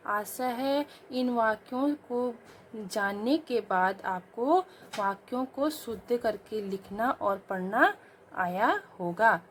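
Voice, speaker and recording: A woman teaching a grammar lesson, reading each example sentence slowly and deliberately, then asking questions and answering them herself. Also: on the high side, lively intonation, a little hiss or hum. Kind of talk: exam-prep grammar lesson.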